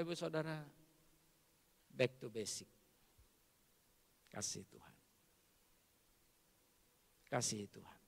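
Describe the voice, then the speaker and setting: A pastor with an Indonesian accent preaching a sermon, swinging from loud emphatic lines to hushed asides. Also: male voice, fairly high pitch. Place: large church hall. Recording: long hall reverb.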